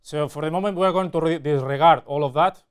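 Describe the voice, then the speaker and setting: Clear-voiced man lecturing, halting and explanatory. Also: a little high. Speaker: university lecturer. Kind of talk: technical lecture at a whiteboard with slides. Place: indoor classroom or studio with whiteboard.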